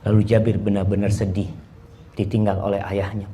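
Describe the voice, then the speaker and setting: A man preaching a sermon and telling a story in an animated way, moving between plain narration and recited Arabic. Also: fairly low pitch, a little fast.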